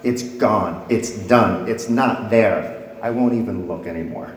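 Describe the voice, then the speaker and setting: A pastor with a lowish voice delivers a sermon at a measured pace, letting his voice swell and fall as he reads scripture dramatically to the congregation. The church sanctuary is an echoey hall with long reverb.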